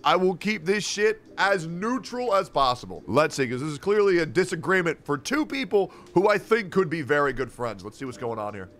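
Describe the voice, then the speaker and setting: A man commentating on his live stream in an earnest, measured way. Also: a little high, sing-song, a bit bright.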